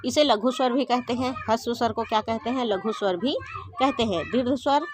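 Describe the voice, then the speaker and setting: A woman with a slightly high voice leads a grammar lesson. She poses questions to the class and answers them herself, repeating each definition slowly and patiently. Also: background noise. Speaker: teacher.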